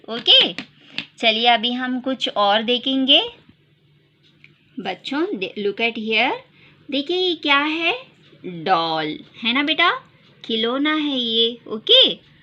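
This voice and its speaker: A woman teaches English to small children, speaking slowly and spelling words out letter by letter. Her voice is bright and a little high. The recording sounds dull and lo-fi. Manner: slow and sing-song, spelling words letter by letter; repeats questions and calls the listener "beta". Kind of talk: classroom lesson for young children.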